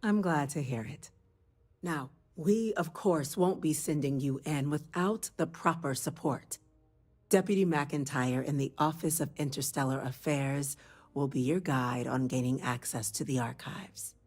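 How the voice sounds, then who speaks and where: A woman's voice: low-pitched, measured pace, a little mellow. A formal female government official. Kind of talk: video game dialogue.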